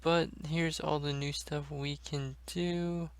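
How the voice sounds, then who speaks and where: A gaming video creator chats with viewers, whom he calls "guys," while casually commentating on his own play. He speaks slowly and smoothly at a fairly high pitch with little variation, and there is no room sound.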